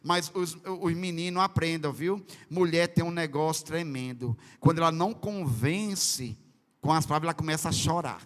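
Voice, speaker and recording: A Northeastern Brazilian man preaching a Pentecostal sermon, acting out quotes and breaking into sudden loud bursts. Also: fairly high pitch, moderate pace. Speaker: pastor. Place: large church hall. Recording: reverberant church sound system.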